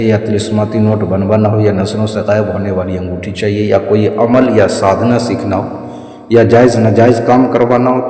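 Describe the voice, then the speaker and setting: Low-voiced man teaching in an echoey room. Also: warm tone. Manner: slow, repetitive, addresses listeners as "my dear". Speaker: channel host teaching occult rituals. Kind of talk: instructional monologue. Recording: echoey room with long reverb.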